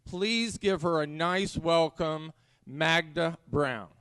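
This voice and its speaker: A man's voice: a little high, slow, fairly bright tone, clean tone. A man, acting as host, sincerely and respectfully introduces a guest speaker to an audience.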